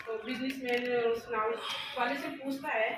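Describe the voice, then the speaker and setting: A woman's voice: fairly high pitch, steady tone, moderate pace. A woman telling a moral story step by step, in plain speech at a training session. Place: indoor training hall. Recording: echoey room from far off, noisy.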